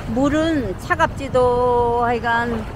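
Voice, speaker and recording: A middle-aged woman, a travel vlogger, narrating what she sees outdoors on a beach and a sailboat, excited and chatty, recorded on a handheld camera. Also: on the high side, slow pace, noisy background. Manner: excited, describing sights as she films.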